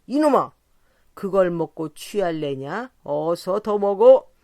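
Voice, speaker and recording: A woman voicing a rowdy, drunken middle-aged rickshaw puller in an audiobook, shouting and cursing with slurred speech. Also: mid-range voice, lively intonation, measured pace, no echo, studio quality. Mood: drunken bellowing. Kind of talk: audiobook character voice.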